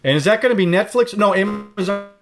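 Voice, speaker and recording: A man in his fifties co-hosting a casual movie chat over a video call, chatty and quick to chime in. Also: high-pitched, soft background music. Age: 50s. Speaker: podcast co-host.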